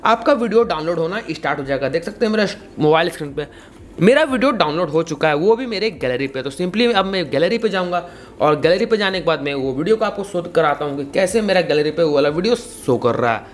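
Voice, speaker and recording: This casual step-by-step tutorial comes from a YouTube host in his twenties with an Indian accent, whose voice is a little high. He talks at a quick pace with lively intonation, repeating his instructions.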